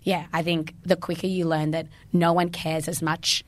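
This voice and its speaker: A hoarse woman, a fitness instructor, chatting as a guest on a podcast and leaning often on "like". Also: on the low side, flat delivery, normal speed. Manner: chatty, leans heavily on "like". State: hoarse from teaching classes. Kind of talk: casual podcast chat.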